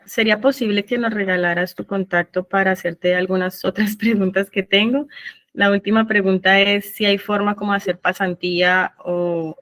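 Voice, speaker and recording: A woman with a bright, forceful voice asks long questions full of fillers. The sound is dry and close, like a video call. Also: medium pitch, no room sound. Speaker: audience member asking questions. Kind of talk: online Q&A question.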